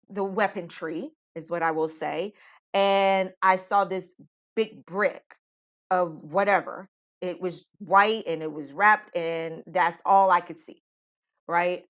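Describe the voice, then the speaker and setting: A woman recounting a frightening personal story on a storytelling podcast. She talks casually, with lots of "um" and "like" as she gathers her thoughts. Her pitch sits in an ordinary middle range. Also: fairly bright tone. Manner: conversational, many fillers like "um" and "like".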